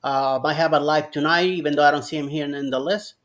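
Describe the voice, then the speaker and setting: A man's voice: on the high side, fairly even intonation, a little fast, a bit bright. Man reading a schedule with fillers. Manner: reads a schedule with hesitant fillers. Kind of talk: casual chat.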